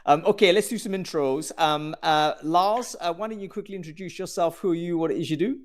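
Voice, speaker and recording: A man's voice: fairly high pitch, fairly quick. A man hosting a casual live online panel, chatty and easygoing, with plenty of fillers and restarts, over a video call. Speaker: host.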